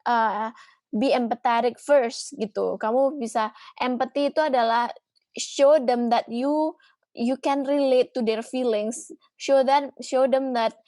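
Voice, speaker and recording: Psikolog perempuan yang menjelaskan dengan lembut. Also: female voice, a little high, steady tone, slow, no echo. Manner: mixes English phrases into Indonesian, gentle explaining with "eee" fillers. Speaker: psychologist guest. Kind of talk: Q&A answers on mental health.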